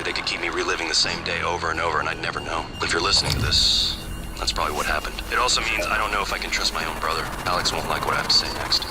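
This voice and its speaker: An actor playing a tired male scientist who leaves a calm, measured recorded message in a video game. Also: sits low, natural voice. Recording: game audio over loud music.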